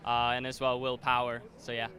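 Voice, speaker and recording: A man's voice: mid-range voice, monotone, a little fast, bright, forceful tone. A young American man, a racing driver, answering interview questions in a laid-back way. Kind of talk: casual interview.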